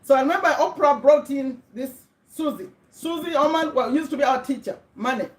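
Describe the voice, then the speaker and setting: Speaking directly to her webcam, a middle-aged Ugandan woman hosts a casual motivational livestream, warm and chatty, with a voice a little high for a woman and a slightly quick pace. She checks in with her viewers often and repeats words to drive her points home. Her bare room gives the audio an echo.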